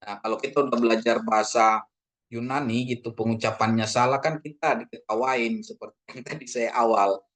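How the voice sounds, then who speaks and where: Man teaching pronunciation, slow repeated words. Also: mid-range voice, steady tone. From Indonesia. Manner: drawn-out repetition of words, frequent fillers; addresses listeners as ladies and gentlemen. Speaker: Greek language teacher. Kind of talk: casual classroom lesson.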